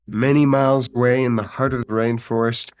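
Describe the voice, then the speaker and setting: A man reading a picture book aloud on a casual stream, relaxed and jokey, with swearing asides. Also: medium pitch, fairly quick, smooth.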